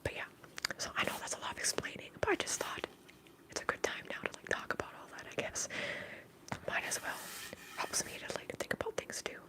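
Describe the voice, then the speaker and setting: A woman whispering softly and breathily as she hosts an ASMR livestream, chatting in a candid, informal, rambling way. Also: fairly quick, low-quality recording. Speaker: livestream host.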